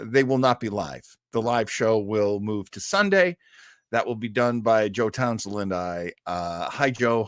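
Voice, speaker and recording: An actor hosts a casual online livestream, chatting with viewers in a jokey way and often chuckling. His voice is medium-pitched, and the recording is dry and studio quality.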